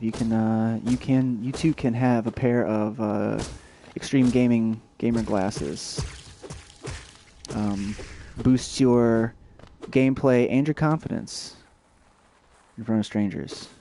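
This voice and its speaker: A young man chats loosely over his game stream, stopping and restarting his sentences. His voice sits in a mellow, warm register. Faint noise sits under the talk. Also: mid-range voice, fairly even intonation, measured pace. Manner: rambling, many fillers and restarts. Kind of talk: casual let's-play chat.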